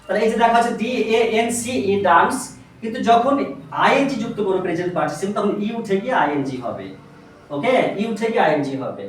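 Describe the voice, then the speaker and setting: Lively, echoey-voiced tuition teacher quizzing pupils. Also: medium pitch, fast talker, a little hiss or hum. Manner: patient, spells words letter by letter and quizzes pupils. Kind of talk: classroom grammar lesson. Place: small tuition classroom. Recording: echoey room, mic far off.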